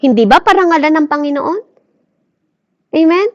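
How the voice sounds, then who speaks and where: A woman's voice: sits high, expressive, moderate pace, dry recording, lo-fi sound. A woman preaching a sermon, often asking her listeners questions and mixing in English phrases.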